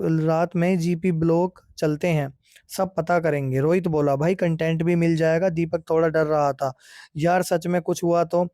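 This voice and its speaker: A man narrating a scripted horror story in a steady, suspenseful way. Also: a little high, no room sound, studio quality.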